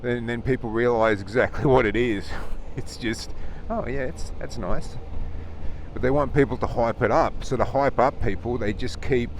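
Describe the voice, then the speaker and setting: A man with a medium-pitched voice rants casually to his viewers from inside a motorcycle helmet. He is opinionated and conversational, rambling along like a motovlogger. Faint engine and traffic noise sits behind his voice. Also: steady tone, normal speed, few pauses. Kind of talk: casual rambling rant to camera. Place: inside a helmet while riding a motorcycle outdoors.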